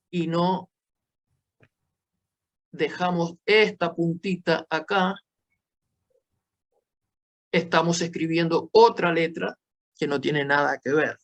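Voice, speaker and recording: A male teacher explains step by step in an unhurried, patient classroom manner. His voice sits a little high for a man. He keeps checking in with his students as he goes. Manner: slow, explanatory, frequent checking tags. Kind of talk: classroom lesson.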